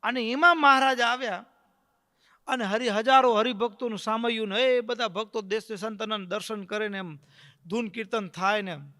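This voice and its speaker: High, bright-voiced preacher. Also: male voice, normal speed, long reverb tail. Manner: dramatic, acts out the characters' voices. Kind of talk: devotional storytelling sermon.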